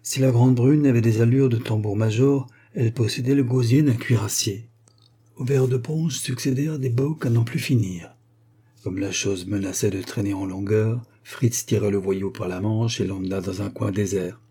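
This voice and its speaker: A man narrating a classic novel as an audiobook in a measured, literary way. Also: on the low side, steady tone, dark tone, husky.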